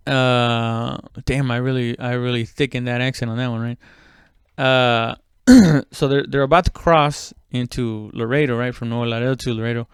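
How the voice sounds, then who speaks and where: A man in his thirties with a clear, resonant mid-range voice, recorded in a studio with no echo. Born in Mexico, he moved to the US at seven and now works as a stand-up comedian, telling a casual story full of swearing, rambling, and cutting himself off mid-thought.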